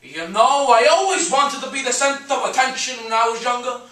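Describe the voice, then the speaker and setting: On a stage in an echoey room, picked up by a distant mic, a man performs a one-man monologue as a brash, cantankerous middle-aged comedian-painter. His voice is pushed up very high, brisk and bright, and he stammers, swinging from muttering to bellowing as he tells a nostalgic story.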